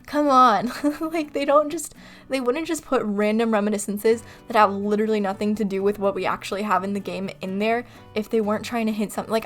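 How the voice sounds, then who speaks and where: Woman, from California, casual voice-over, rambling, laughs at herself, desk mic. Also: mid-range voice. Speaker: video creator. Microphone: desktop mic on computer recording software.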